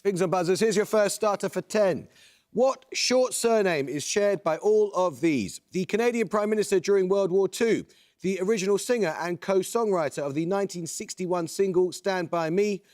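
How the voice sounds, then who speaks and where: A man hosting a quiz show, reading questions in a crisp, measured, authoritative way. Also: high voice, darkish tone.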